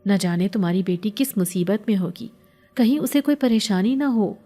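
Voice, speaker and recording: A woman's voice: mid-range voice, animated, dark tone, faint music behind. A woman voicing a concerned, scolding female relative who speaks in a reproachful way.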